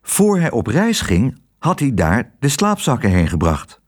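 A man reads a children's story aloud, his pitch rising and falling across a very wide range. The delivery is expressive and carefully paced. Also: unhurried. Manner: expressive, varied intonation. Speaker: audiobook reader. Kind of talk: storybook narration.

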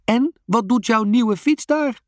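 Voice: slow pace, no room sound, studio quality, natural voice. A storyteller voicing a boy's father in a children's storybook, a grown man who bellows and grumbles. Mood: bellowing. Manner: booming, grumbling. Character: gruff grown-up father, bellowing then jolly.

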